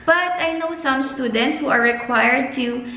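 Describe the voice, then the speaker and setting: A woman's voice: sits high, unhurried, sharp tone. A young Filipino woman with a Filipino accent, a graduate student giving casual, earnest advice in a vlog and stretching words for emphasis. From Philippines. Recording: echoey room with faint music.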